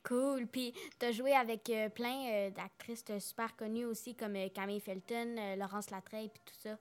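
A woman's voice: on the high side, fairly even intonation, moderate pace. A woman interviewing a guest, asking short, eager questions. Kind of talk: casual interview chat.

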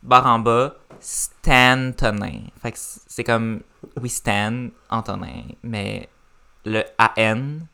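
A man's voice: fairly low pitch, fairly even intonation, takes it slowly, vocal fry, bright, forceful tone, clean tone. A young man with a Québécois French accent, a podcast guest chatting casually, hesitant and rambling, with English phrases mixed in. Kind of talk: casual chat.

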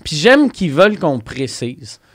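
A man's voice: fairly high pitch, big pitch swings, measured pace, dry recording, studio quality. A man with a Québécois French accent hosting a podcast, joking and reading out listener questions in casual chat. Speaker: podcast host.

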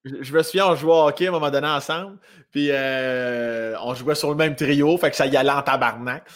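A man's voice: mid-range voice, a little fast, a bit bright. A man with a Québécois French accent hosting a podcast, loose and informal, laughing easily as he chats. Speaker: podcast host. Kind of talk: casual chat.

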